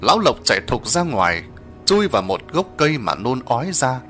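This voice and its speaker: A man narrating a horror story in a dramatic, expressive reading. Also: medium pitch, brisk, soft background music.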